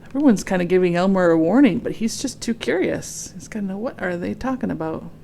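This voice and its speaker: A woman's voice: medium pitch, animated, brisk, gravelly, warm tone, a little hiss or hum. A woman reading a children's picture book aloud and chatting to kids about the story in a friendly way.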